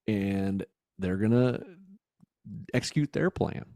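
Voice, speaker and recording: A man's voice: on the low side, slow pace, mellow, no echo, studio quality. A man hosting a business podcast and coaching, enthusiastic and affirming as he tells stories. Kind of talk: podcast interview.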